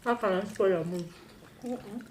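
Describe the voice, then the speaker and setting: Eating as she talks, a Nigerian-accented woman jokes around casually with her spouse as part of a prank for her mukbang vlog, sounding giggly and playful. She speaks at normal speed in a mid-range voice over slight background noise.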